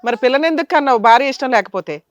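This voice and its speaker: A woman's voice: high-pitched, expressive, very fast. A woman hosting a family dispute show, asking blunt, sarcastic and scolding questions.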